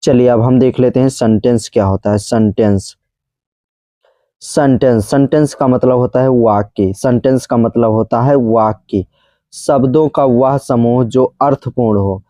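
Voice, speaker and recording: A man's voice: mid-range voice, a little slow, dark tone, dry recording. A man teaching basic English grammar in Hindi, saying each definition twice and pronouncing English terms with a Hindi accent. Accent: Hindi-accented English words. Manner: repeats each definition twice, calls viewers friends. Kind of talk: grammar lesson explained slowly.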